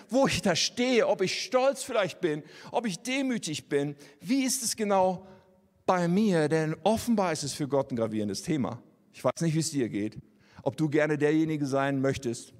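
A man's voice: fairly high pitch, in a large hall. A man preaching a sermon in an earnest, conversational way, speaking directly to his listeners.

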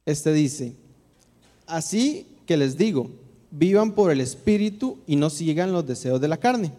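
A man giving a church talk and reading Bible passages aloud in a measured way, often asking "right?". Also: fairly high pitch, animated, dark tone. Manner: measured, often tags "¿verdad?". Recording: long hall reverb.

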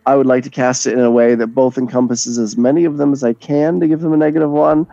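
A man's voice: medium pitch, fairly even intonation, fast, gravelly, dark tone, no echo, lo-fi sound. Wry man explaining rules dryly. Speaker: player. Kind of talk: casual tabletop game talk.

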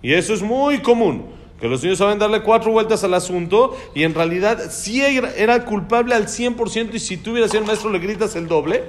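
A man's voice: high-pitched, lively intonation, a little fast. A man teaching a religious class on raising children, speaking emphatically and putting questions to his listeners. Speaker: Torah teacher.

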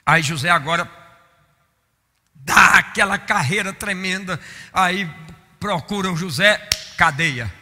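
Fiery preacher in a big echoing hall. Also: male voice, sits high, takes it slowly, pauses often. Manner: impassioned, rising to shouts and dropping to mock-weary murmurs. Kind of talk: sermon. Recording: long hall reverb.

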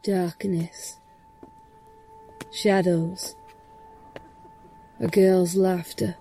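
A woman reading a scripted first-person story in a hushed, measured way. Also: on the low side, level tone, slight background noise, low-quality recording.

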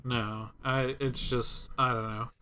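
A man's voice: medium pitch, little pitch movement, slow, sharp tone, slight background noise. A man co-hosting a casual gaming podcast, talking in a critical, complaining way. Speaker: podcast co-host.

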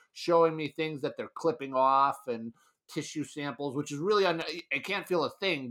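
Man, young adult, podcast co-host, bright forceful tone, animated storytelling, frequent laughter. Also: mid-range voice. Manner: animated, laughs often, acts out quoted voices. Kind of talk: casual storytelling chat.

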